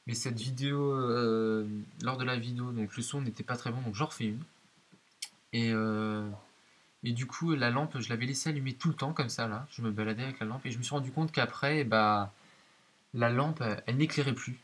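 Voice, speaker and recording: A man's voice: mid-range voice, moderate pace. A man giving hesitant, explanatory let's-play commentary of a horror game, talking directly to his viewers. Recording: hissy home recording.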